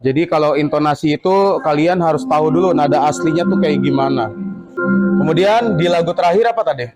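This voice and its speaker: A male school teacher in a classroom, quizzing his students with quick questions and then explaining the answers. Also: a little high, music in the background.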